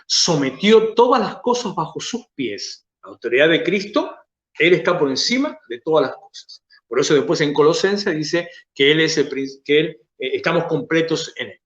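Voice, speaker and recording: A pastor with an Argentine Spanish accent preaching a sermon, stretching key phrases for emphasis and then dropping to soft, low asides. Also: male voice, expressive, moderate pace, roomy sound, lo-fi sound.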